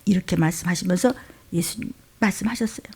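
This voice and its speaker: Gravelly-voiced woman pastor preaching fervently. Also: fast talker. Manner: fervent, swings between loud outbursts and low muttering. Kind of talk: emotional sermon.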